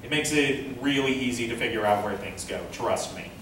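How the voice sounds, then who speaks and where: A man runs an instructional convention panel, explaining things step by step in a relaxed way, his voice mid-range and his pace moderate. The indoor panel room is very echoey, and a distant mic picks him up along with faint noise.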